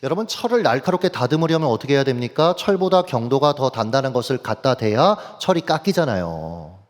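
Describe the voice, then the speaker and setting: A male pastor preaching a sermon, telling personal stories in an animated way and speaking straight to his congregation. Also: mid-range voice, brisk. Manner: animated, anecdotal, addresses congregation directly. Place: church sanctuary. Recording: long church hall reverb.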